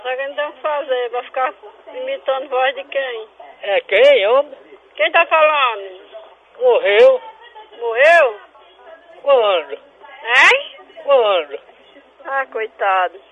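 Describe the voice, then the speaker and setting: A man playing a cranky, suspicious old father who answers the phone gruffly and hurls insults. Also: extremely high pitch, narrow, tinny audio, exaggerated voice. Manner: gruff, insulting, keeps demanding who is calling. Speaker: prank call character. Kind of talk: comic radio prank call.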